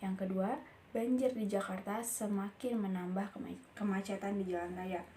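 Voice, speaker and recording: A young woman, a university student, reading course notes aloud in a steady voice and sometimes stumbling and restarting a word. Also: medium pitch, moderate pace, slight background noise. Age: young adult. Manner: reads steadily from notes, with small slips and restarts.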